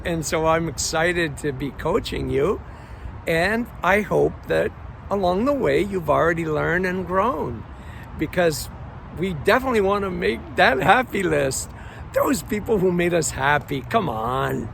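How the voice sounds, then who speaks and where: A man coaches his listeners in an earnest, encouraging motivational talk. His voice sits fairly high and has a gravelly, fry-edged texture, and he often repeats words and stretches phrases for emphasis. Faint outdoor traffic noise runs behind him. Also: animated, measured pace, fairly bright tone. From Croatia. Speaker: life coach. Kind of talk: motivational monologue.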